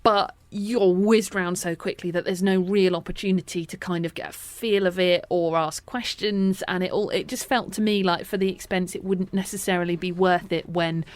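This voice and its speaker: A woman guest on a travel podcast, explaining her trip fluently and calmly. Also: fairly low pitch, normal speed, hardly any pauses, no echo. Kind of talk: casual travel chat.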